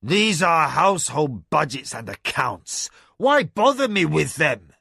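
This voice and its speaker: A man voicing a hot-tempered, domineering lord who shouts at his wife, in a raspy, gravelly voice. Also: medium pitch, sing-song, takes it slowly, no room sound, studio quality, full character voice. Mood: irritated.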